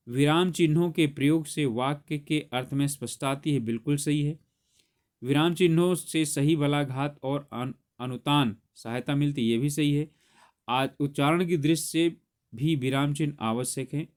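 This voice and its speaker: A man's voice: on the high side, measured pace, a little mellow. A man teaching grammar, solving an exam paper aloud step by step and correcting himself as he goes. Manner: explains step by step, corrects himself mid-sentence.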